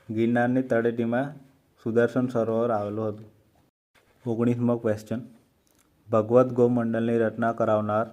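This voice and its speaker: Reading quiz questions and answers for exam preparation, this male host speaks with a Gujarati accent in a level, monotone delivery. His pitch is middling, and he takes each option slowly and deliberately.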